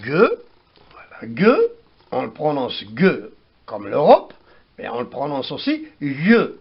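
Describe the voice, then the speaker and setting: Slow husky man giving a language lesson. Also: medium pitch, huge pitch swings. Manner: slow, repeats words for pronunciation. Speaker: language teacher. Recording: dull lo-fi recording.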